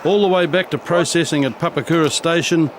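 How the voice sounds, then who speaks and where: A man reads scripted narration in a measured, dry tone. His voice sits a little high. Clear traffic and street noise runs under his voice. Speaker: documentary narrator.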